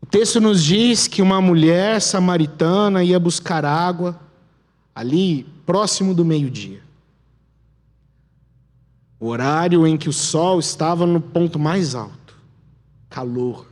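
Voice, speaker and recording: A man with a Brazilian Portuguese accent preaching a sermon as pastor, telling the story dramatically and dropping to a hush at key moments. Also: on the high side, takes it slowly, long pauses. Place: church sanctuary. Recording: long church hall reverb.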